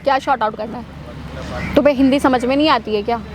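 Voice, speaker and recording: Young woman, high voice, defiant and mocking, clear street noise behind. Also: fairly even intonation, fairly quick. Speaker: wife in a staged street skit. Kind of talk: heated street-skit argument.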